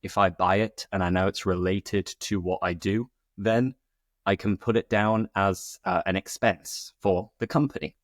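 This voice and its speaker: Low-voiced British man podcasting in a dry room. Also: fairly even intonation, unhurried, dry recording. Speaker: podcast host and English teacher. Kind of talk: conversational solo podcast with teaching asides.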